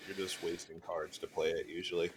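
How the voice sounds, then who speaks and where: A man's voice: low voice, little pitch movement, brisk, over a noisy crowd. A man hosting a casual podcast chat about a card game, laughing often and moving the talk along. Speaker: podcast host.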